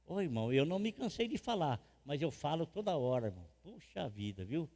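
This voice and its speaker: A man with a Brazilian Portuguese accent preaching a sermon as pastor, swinging from loud emphatic lines to quiet asides and repeating phrases for emphasis. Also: fairly high pitch, sing-song, a little fast. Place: church hall. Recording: long reverb of a church hall.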